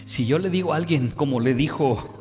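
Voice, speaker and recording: A pastor with a Mexican Spanish accent preaches a sermon in a church sanctuary, leading his congregation in call-and-response and building to loud exhortation. His voice sits on the high side and moves briskly, echoing in a large hall over music.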